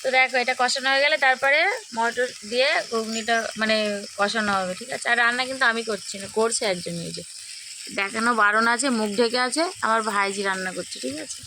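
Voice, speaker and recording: A young woman with a hoarse voice, chatting casually to viewers in a home vlog and often asking if they follow. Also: a little high, fast, sharp tone, slight background noise. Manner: chatty, keeps asking "okay?". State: hoarse, sore throat. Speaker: vlogger.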